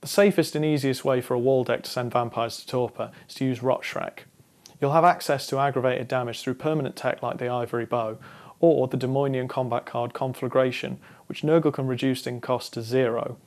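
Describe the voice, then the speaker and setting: A young man in his twenties talks straight to camera in a scripted explainer, walking through card game strategy. His delivery is measured and instructive. His voice sits at an ordinary mid pitch. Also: fairly even intonation, a little mellow. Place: studio against a dark backdrop.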